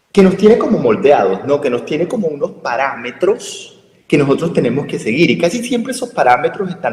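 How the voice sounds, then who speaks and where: A man's voice: mid-range voice, darkish tone. A man with a Colombian Spanish accent, giving an explanatory radio talk on health communication and often asking rhetorical questions. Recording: echoey room with long reverb.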